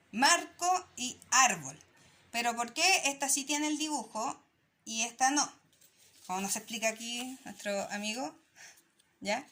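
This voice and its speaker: A woman's voice: high voice, fairly bright tone. A woman teacher, explaining a grammar lesson to young pupils in a patient way and often checking that they are following. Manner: patient, checks in with "¿ya?" after each point. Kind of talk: recorded classroom lesson.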